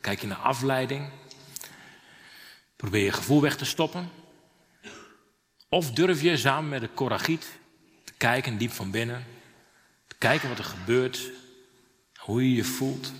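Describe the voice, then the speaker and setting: A man preaching a sermon in an animated storytelling manner with dramatic rises. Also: mid-range voice. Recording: long hall reverb.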